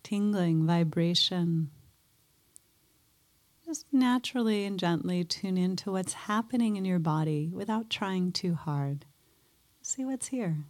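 A woman guiding a mindfulness meditation in a soft, gentle way, pausing often between phrases. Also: on the low side. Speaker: meditation teacher.

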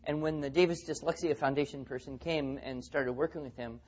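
A man's voice: on the high side, fairly even intonation, brisk, a little mellow, breathy edge, lo-fi sound. A man speaking at a teaching seminar, telling stories and acting out the quotes. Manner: storytelling, acts out quotes. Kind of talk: seminar talk with anecdotes.

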